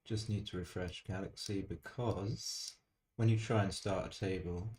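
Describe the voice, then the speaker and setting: A man's voice: low-pitched, fairly even intonation, measured pace, darkish tone, slight background noise. A man streaming an online backgammon game, chatting casually in a dry, self-deprecating way and muttering his thoughts to himself at a desk microphone.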